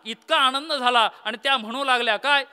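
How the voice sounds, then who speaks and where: A man's voice: very high voice, brisk, pushed and bright, smooth. A man preaching a comic devotional kirtan sermon, telling the story theatrically, quizzing the audience and breaking into song. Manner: asks the audience questions.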